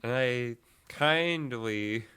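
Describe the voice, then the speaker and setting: A man's voice: mid-range voice, extremely slow, sharp tone, clean tone. A young man co-hosting a podcast, chatting casually in a rambling way with lots of fillers and swearing. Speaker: podcast co-host. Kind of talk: casual chat.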